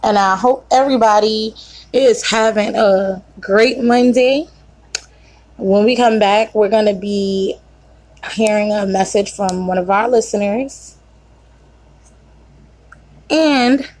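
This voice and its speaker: A woman's voice: medium pitch, a little mellow, dry recording. A woman podcast host delivering scripted announcements to her listeners.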